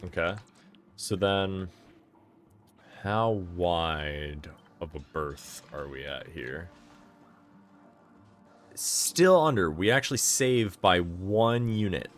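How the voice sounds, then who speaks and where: A man's voice: low voice, sing-song, slow, pauses often, fairly bright tone, soft background music. A man giving casual gameplay commentary, thinking aloud and correcting himself as he plans, sounding tired and yawning at times. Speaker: gameplay streamer.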